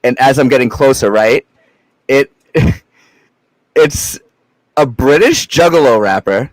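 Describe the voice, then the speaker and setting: This Massachusetts podcast guest, a young adult man, rambles loosely with lots of curse words and filler as he chats casually. He speaks at a medium pitch, animated but slow, on a low-quality recording with no room sound.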